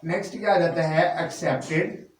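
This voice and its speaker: A man's voice: high-pitched, a little slow. A man gives a language lesson at a board, spelling words out letter by letter and slipping English terms into his patient explanations. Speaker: language teacher. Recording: echoey room, mic at a distance.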